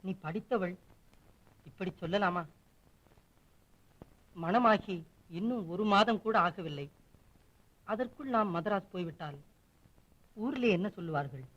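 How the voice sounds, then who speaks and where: A gentle devoted husband-brother. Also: male voice, sits high, unhurried, pauses often, highs cut off. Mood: soothing. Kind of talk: 1950s film drama acting.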